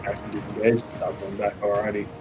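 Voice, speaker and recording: A man's voice: lowish voice, monotone, fairly quick, over loud music, rough recording. A man running a tabletop game as game master, narrating the action and ruling on moves.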